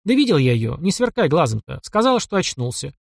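A man's voice: on the high side, big pitch swings, fairly quick, gravelly, dry recording, studio quality, full character voice. A man voicing a fussy, doting older village aunt who talks in a folksy, sighing way. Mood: fussing.

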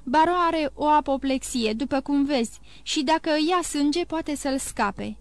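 A woman voicing a stern middle-aged male magistrate, shouting demands in alarm. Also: sits high, dry recording. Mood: demanding.

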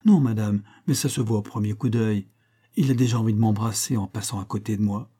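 A man voicing a calm, scheming young female maid, politely deferential and matter-of-fact. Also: on the low side, brisk, lightly acted. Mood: assured.

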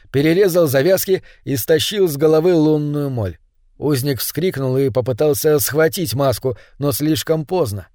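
A man reading an audiobook as narrator in an even storytelling manner. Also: on the high side, no room sound, clean studio sound.

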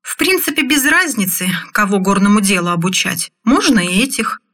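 A woman's voice: mid-range voice, sing-song, moderate pace, a bit bright. A woman voicing a shrewd male mine secretary who speaks in a knowing, matter-of-fact way in an audiobook.

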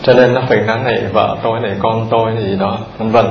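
The voice is male, fairly low and gravelly, with little pitch movement and a quick pace, over a faint hiss or hum. He is a Buddhist monk giving a lay audience a conversational dharma talk, repeating words and addressing questions to them. It's a roomy, dull lo-fi recording with the audience present.

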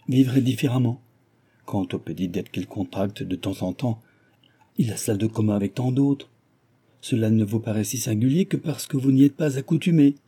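A man's voice: medium pitch, warm tone, husky. A man voicing a frivolous, petulant society wife who defends her spending peevishly. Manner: peevish, self-justifying.

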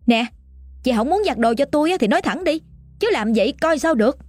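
A woman voicing a spoiled, quick-tempered young woman, shrill and shrieking. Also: expressive, dry recording, faint music behind. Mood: furious.

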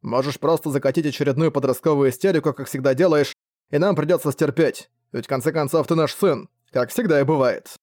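A man's voice: a little high, fairly quick, darkish tone, no echo, studio quality, natural voice. A man voicing a mocking, provocative middle-aged father in an audiobook.

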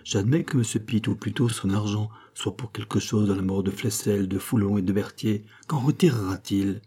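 A man's voice: fairly low pitch, moderate pace, mellow, husky. A man voicing a blunt older male farmer in an audiobook, speaking in an emphatic, protesting way.

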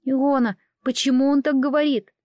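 A woman's voice: high-pitched, little pitch movement, moderate pace, a little mellow, no echo, voice pushed up, lightly acted. A woman doing a trembling little boy. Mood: scared. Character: frightened young boy, earnest and tearful.

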